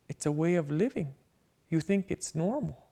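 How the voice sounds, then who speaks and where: Older woman, voice disguised deep and gravelly. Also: expressive, dark tone. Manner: slow, deliberate, reflective. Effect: voice disguised, pitched down to sound like a man. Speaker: interviewee. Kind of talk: reflective personal testimony.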